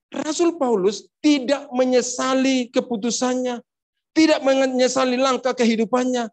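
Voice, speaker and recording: A man's voice: very high voice, a little mellow. A man preaching a sermon as a pastor in a church, joking and acting out household dialogues between husbands and wives. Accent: Indonesian. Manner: playful, acts out household dialogues.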